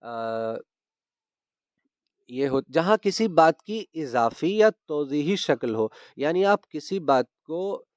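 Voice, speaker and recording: A man with a rather high, animated voice walks students through punctuation in a grammar lesson, with no room sound. He is patient, repeating key terms and confirming they've understood.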